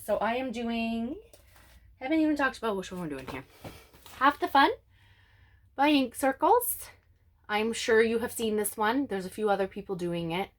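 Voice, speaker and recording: A woman's voice: medium pitch, fairly bright tone. Chatty woman rambling about her stitching. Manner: chatty, rambling, self-correcting. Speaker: cross-stitch vlogger. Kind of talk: casual show-and-tell chat to camera.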